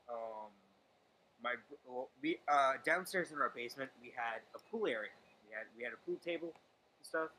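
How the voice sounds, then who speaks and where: A man's voice: medium pitch, sharp tone, a little hiss or hum, low-quality recording. A young man telling a ghost story to friends on a stream call, hesitant and dramatic, with many fillers and restarts. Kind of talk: casual storytelling on a livestream call.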